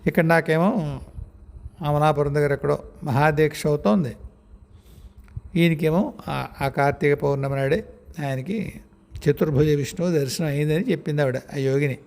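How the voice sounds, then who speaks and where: A man who practices spirituality tells personal stories from his life in a conversational, reflective memoir style, addressing his listeners directly. His voice is slightly high, creaky and somewhat dark, at normal speed with frequent pauses. The room has a long, reverberant echo.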